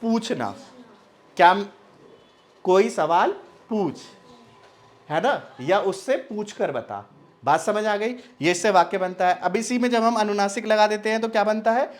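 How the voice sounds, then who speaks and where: A man whose voice sits high leads an oral language lesson, asking questions only to answer them himself. Words get repeated slowly with their nasal sounds drawn out, and he regularly confirms it's clear.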